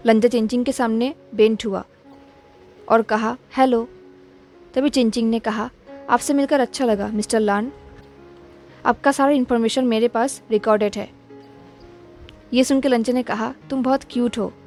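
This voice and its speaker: Higher-voiced woman narrating a story. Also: steady tone, normal speed, long pauses, darkish tone, faint music behind. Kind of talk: reading a fan fiction aloud.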